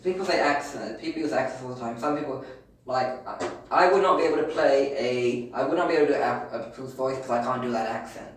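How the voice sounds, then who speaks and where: A British man with a mid-pitched voice co-hosts a casual podcast debate, circling back and repeating himself as he argues. He is heard from a distance in a very echoing room with a faint hum behind. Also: fast talker. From Britain. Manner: rambling, argumentative, repeats himself. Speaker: podcast co-host. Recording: very echoey room, distant mic.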